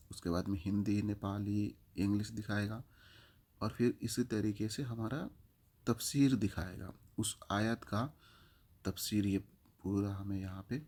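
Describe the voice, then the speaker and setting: A man with a fairly low, darkish voice walks through an app step by step in an informal tutorial. He explains using examples and repeats his instructions.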